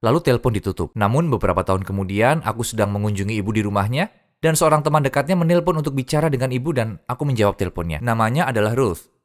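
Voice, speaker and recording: A man's voice: mid-range voice, animated, quick pace. A man earnestly telling his own conversion story in a dubbed first-person testimony.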